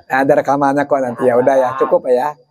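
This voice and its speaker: A man's voice: mid-range voice, level tone, fast, darkish tone. A man giving a Sunday morning religious lecture, asking his audience questions and answering them himself, drawing out words to show how they are said. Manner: stretches words to show pronunciation. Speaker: preacher.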